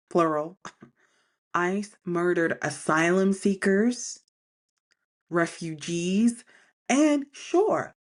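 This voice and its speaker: A woman hosting a podcast, giving casual political commentary in an animated way, laughing often and reading statements aloud. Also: medium pitch. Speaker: podcast host.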